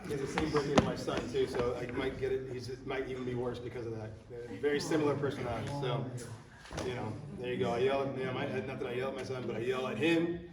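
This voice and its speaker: A man, a high school soccer coach, giving a banquet award speech, telling stories and acting out quotes. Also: steady tone, fast, a loud crowd. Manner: storytelling, acts out quotes. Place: banquet hall. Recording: echoey hall, speaker far from mic.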